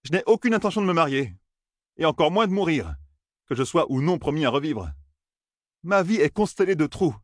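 A man's voice: a little high, sing-song, a little fast, pauses often, dry recording, voice pushed up. A man voicing a brash, angry young man who curses and demands answers, in a dry, close audiobook reading. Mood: angry demanding. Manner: shouting, exasperated.

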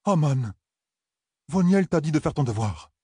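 A man's voice: on the high side, sing-song, measured pace, a little mellow, husky, dry recording, studio quality, pitched above the performer's own voice, exaggerated voice. A man voicing a proud female Ogier, a fierce mother who speaks sharply and insistently.

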